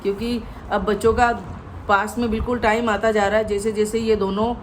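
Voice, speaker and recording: A woman's voice: mid-range voice, flat delivery, fairly quick, slight background noise, rough recording. A woman giving a gossip commentary vlog in a mocking tone, tagging nearly every sentence with a rhetorical question. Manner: mocking, with constant "है ना?" tags. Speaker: YouTube commentator.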